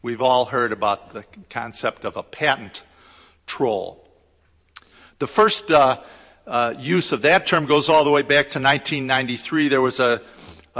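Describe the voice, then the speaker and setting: A man, a law lecturer, giving a conference presentation in a hesitant, explanatory way with frequent pauses. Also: mid-range voice, vocal fry, a bit bright. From United States. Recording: echoey hall with long reverb.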